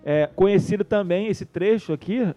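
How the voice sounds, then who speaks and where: A man's voice: sits high, normal speed, mellow, highs cut off, soft background music. A man hosting a casual podcast chat, telling stories and acting out the other people in them. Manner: storytelling, acts out others in the tale. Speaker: podcast host.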